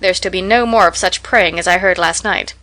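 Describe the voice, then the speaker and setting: Woman reading as a stern middle-aged spinster, brisk, dry, disapproving, storybook. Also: lowish voice, pushed and bright. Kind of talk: audiobook character voice.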